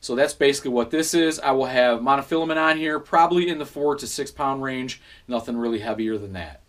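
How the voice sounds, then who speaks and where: A man in his thirties, host of a fishing channel, talks casually to the camera about his gear. He is easygoing and fills his talk with ums and quick self-corrections, and he is recorded by a camera a few feet away in a small room at home. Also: medium pitch. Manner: relaxed, many fillers and self-corrections.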